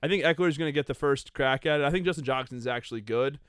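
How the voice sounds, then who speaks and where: Clear-voiced guy pushing his fantasy football picks, talks in circles a bit, dry mic. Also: mid-range voice, fast, fairly bright tone, no room sound. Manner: opinionated, repeats himself, restarts. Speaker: podcast co-host. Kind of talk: casual sports chat.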